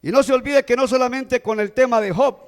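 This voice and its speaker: A man's voice: very high voice, brisk. A male pastor preaching a Sunday sermon, often putting questions to the congregation and answering them himself. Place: church. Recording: long reverb of a church hall.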